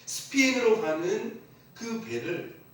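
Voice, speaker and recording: A pastor gives a sermon in a church sanctuary. His fairly high voice swings up and down as he throws emphatic questions at the congregation and has them repeat his lines. He is picked up from a distance, and the hall's heavy echo surrounds every phrase. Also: sing-song, slow, fairly bright tone. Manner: leads the congregation in call-and-response repetition. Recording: very echoey church from a distant mic.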